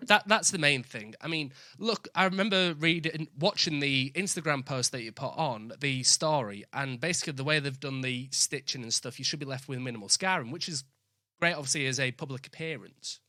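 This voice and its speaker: A man's voice: medium pitch, brisk, bright, forceful tone, no echo, clean studio sound. A man hosting a casual podcast interview. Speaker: podcast host.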